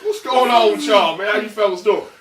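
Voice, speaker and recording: Podcast host, man, high bright voice, nasal from a cold, joking and slangy, echoey room, sits back from the mic. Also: brisk, far from the mic. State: congested with a winter cold. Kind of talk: casual chat.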